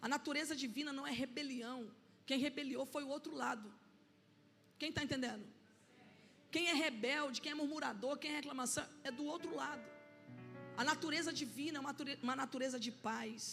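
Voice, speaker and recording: A woman pastor preaching a sermon, building to shouted emphasis. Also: sits high. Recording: reverberant church hall with music.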